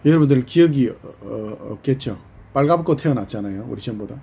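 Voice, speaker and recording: A male pastor preaches with a dark, mellow voice that carries a husky edge. He delivers an animated sermon, switching back and forth between speaking for God and for the people. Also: mid-range voice, a little fast.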